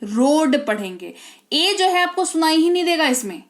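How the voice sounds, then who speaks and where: A woman's voice: extremely high pitch, big pitch swings, normal speed, fairly bright tone. A woman, an English teacher explaining pronunciation rules step by step and often checking that her students follow.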